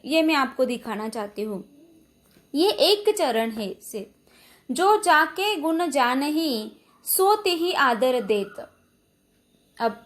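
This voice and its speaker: A woman teacher from India giving a recorded Hindi lesson, patiently explaining verse meter and stretching out syllables as she demonstrates. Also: high voice. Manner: checks in with frequent "है ना?". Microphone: phone or app voice recorder.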